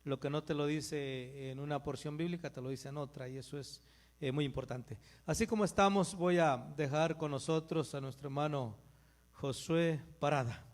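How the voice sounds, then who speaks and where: A man's voice: a little high, moderate pace. A man leading a church gathering, preaching informally, repeating himself and putting questions to his listeners. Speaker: church leader introducing the teacher. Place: live in a church meeting.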